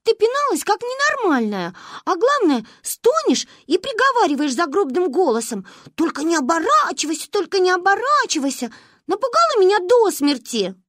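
A bossy, indignant little girl with a high, squeaky voice that jumps all over the place. A woman puts her on while reading aloud. The sound is close and dry. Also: big pitch swings, normal speed, fairly bright tone, no echo, full character voice. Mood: grumbling. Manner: high squeaky scolding child voice.

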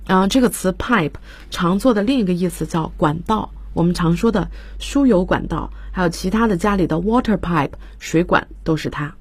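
A woman's voice: on the low side, moderate pace, few pauses, darkish tone, breathy edge, dry recording. A woman teaching English words on a radio lesson, explaining each word and spelling it out letter by letter. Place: radio studio.

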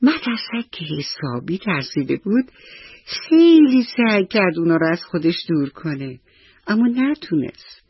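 Guy reading a bedtime story to kids on radio, fairly high husky voice, dull dry sound. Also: very animated, no room sound. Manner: warm address to children. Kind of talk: bedtime story narration for children. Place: radio studio.

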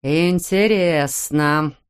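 Reading an audiobook, a woman with a slightly high voice portrays a furious, brutal, middle-aged father who growls slowly and menacingly.

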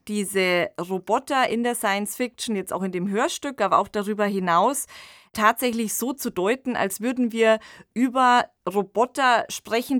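A woman with a mid-range, fairly bright voice co-hosts an analytical podcast discussion as an expert commentator. She explains things reflectively and conversationally, often tagging phrases with "ne," in clean, echo-free studio sound.

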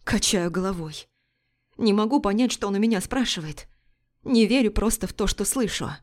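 A woman's voice: medium pitch, brisk, a little mellow. A woman reading a dramatic novel aloud in the first person, with an intense, emotional delivery. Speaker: audiobook narrator.

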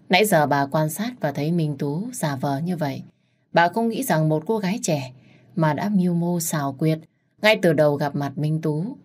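A woman narrating a family drama story in a steady, even manner. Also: low-pitched.

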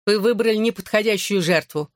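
Guy reading doing a shrill paranoid woman around forty, hostile, yelling at everyone, dry close audiobook sound. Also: fairly quick, dry recording, close to an everyday voice. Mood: suspicious.

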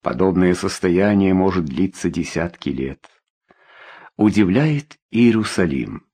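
A man reading a novella aloud as an audiobook narrator, in a measured, expressive way. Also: deep voice, slightly rough. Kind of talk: scripted narration.

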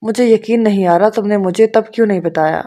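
A woman's voice: mid-range voice, warm tone, lightly acted. A woman reading the lines of an earnest young man proposing marriage, in a sincere, eager way.

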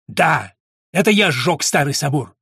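Jack, a hot-headed young builder lad, as a male reader puts him on, hurling accusations in a husky, slightly high voice on a dry recording. He sounds raw and stung, his words coming in bursts. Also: animated, measured pace, bright, forceful tone, no room sound, full character voice. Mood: furious.

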